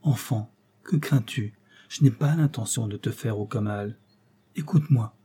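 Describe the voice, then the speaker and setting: A man's voice: fairly low pitch, a little slow, dark tone, slight background noise, close to an everyday voice. Man reading as a brooding vengeful creature. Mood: coaxing. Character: brooding vengeful male creature, lonely and bitter.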